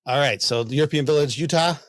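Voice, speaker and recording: A man's voice: fairly high pitch, fast, no room sound, clean studio sound. A man hosting a casual quiz chat, laughing often and trailing off in fillers and restarts. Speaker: host.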